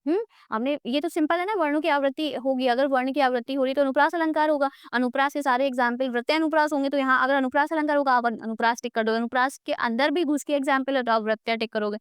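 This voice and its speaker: A woman with a high voice teaches an exam-prep grammar lesson, talking fast with few pauses on a close mic and no echo. She coaxes her students, calls them "beta," and poses questions to herself before answering.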